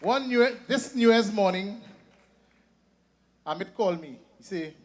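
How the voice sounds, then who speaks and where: A high-pitched man speaks to a festival crowd as an organizer. He runs through his thanks steadily from a list. When he speaks freely he stumbles over repeated words and restarts. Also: expressive, unhurried, a little mellow. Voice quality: reads a long list steadily, then speaks with restarts and repetitions. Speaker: event organizer. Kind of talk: public address at a religious festival.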